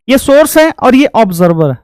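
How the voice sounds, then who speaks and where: A man with a very high, somewhat dark voice gives a physics classroom lecture, recorded with no room sound. His style is homely and folksy, full of sound effects, and he turns each point into a question before answering it himself.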